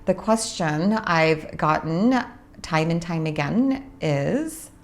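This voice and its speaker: Speaking slowly and thoughtfully with frequent pauses, a young woman from Orange County, California, a host and spiritual practitioner, talks casually about her spiritual work. Her voice sits low, though her intonation is lively.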